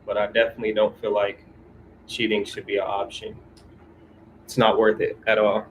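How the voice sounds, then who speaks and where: Laid-back man with a low, flat voice. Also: normal speed, a little hiss or hum, poor audio. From California, USA. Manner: laid-back, slangy, reads comments aloud and answers them. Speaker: streamer answering viewer comments. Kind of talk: casual livestream chat.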